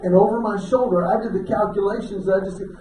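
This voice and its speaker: Animated comedian in an echoey hall. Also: male voice, high voice, quick pace. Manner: animated, acts out quotes with shouts. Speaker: stand-up comedian. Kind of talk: stand-up storytelling. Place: event hall with live audience. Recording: echoey hall from far off, crowd noise.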